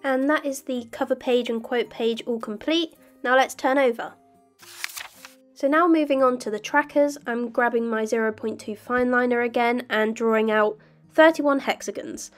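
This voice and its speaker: A young woman with a slightly croaky voice from illness, calmly narrating her journaling step by step. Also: on the high side, moderate pace, faint music behind. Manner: calm, detailed step-by-step explaining. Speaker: bullet journal vlogger. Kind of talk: voice-over narration of crafting.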